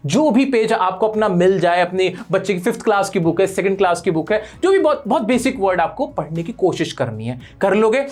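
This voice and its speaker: A man teaching a spoken language lesson, asking the viewer questions and answering them himself in an encouraging tone. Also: high-pitched. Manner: encouraging, direct address to learners. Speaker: English teacher.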